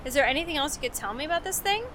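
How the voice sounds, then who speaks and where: A woman's voice: sits high, lively intonation, very fast, noisy background. A young woman doing let's play commentary, sarcastic and joking, reading game text aloud and swearing now and then. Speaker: gameplay streamer.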